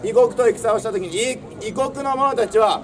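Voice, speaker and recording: A man's voice: very high voice, moderate pace, distant mic. A young man giving a theatrical history lesson outdoors in old samurai speech, projecting in a swaggering, declamatory storyteller's manner. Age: young adult. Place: outdoors in front of a castle stone wall. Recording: outdoor recording with crowd, birds and traffic.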